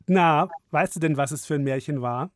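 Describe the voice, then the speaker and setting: A low-voiced woman hosts a children's call-in show on radio. She chats with young callers in an encouraging way, and her studio microphone sounds dry and close. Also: no echo.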